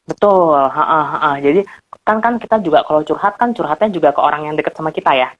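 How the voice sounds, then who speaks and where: A man's voice: a little high, fairly quick, narrow, tinny audio. A man, a guest expert on a live stream, explaining family communication in a chatty way with many fillers and little laughs, over a phone or video call. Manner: chatty, many fillers and small laughs, acts out quoted speech.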